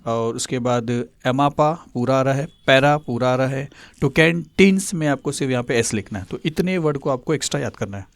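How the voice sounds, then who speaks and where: A male tutor explaining a memory trick step by step, pausing often with filler sounds. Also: mid-range voice, no echo. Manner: hesitant, many filler sounds.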